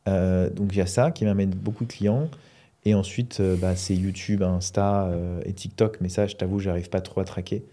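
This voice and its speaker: A man's voice: deep voice, fairly even intonation, normal speed, warm tone. A man co-hosting a podcast, talking casually and rambling with many fillers. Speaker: podcast co-host.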